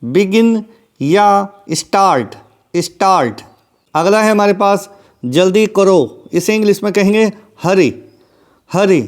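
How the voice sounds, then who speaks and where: A man with a high voice runs a vocabulary lesson. He speaks slowly and deliberately and repeats every word to drill it in. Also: expressive. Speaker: English teacher.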